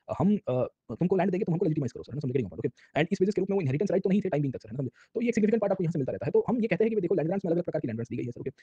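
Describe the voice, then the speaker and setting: A man's voice: a little high, warm tone, husky, no echo. A man with an Indian accent teaching a history lecture in mixed Hindi and English, ending nearly every line with "right? understood?". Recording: dull, muffled audio.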